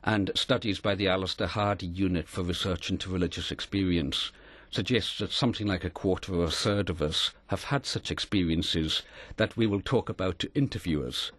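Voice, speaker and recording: Middle-aged man from Scotland, very low voice, dry close sound, earnest measured storyteller. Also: a bit bright, no echo. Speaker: interview guest. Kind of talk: reflective storytelling in an interview.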